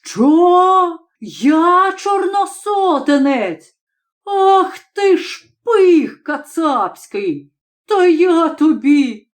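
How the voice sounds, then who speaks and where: A woman reading an audiobook, voicing a hot-tempered male nationalist passenger who bursts into indignant shouting. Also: fairly high pitch, takes it slowly. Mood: furious.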